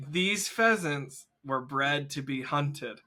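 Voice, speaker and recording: A man's voice: a little high, slow pace, a crowd in the background. A man co-hosting a podcast, telling a story in casual chat and laughing through it. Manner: laughs through his own story, animated. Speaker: podcast co-host.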